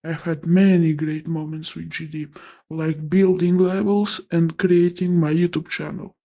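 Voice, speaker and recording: A man from Italy talking through a pitch-shifting voice changer, shyly reading a prepared interview answer. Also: level tone, measured pace, lo-fi sound. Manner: shy, reading a prepared script.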